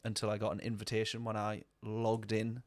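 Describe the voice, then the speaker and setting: A man's voice: lowish voice, monotone, fairly quick, a little mellow. A man talking casually over a racing game stream, rambling and answering viewer chat. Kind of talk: casual gameplay commentary.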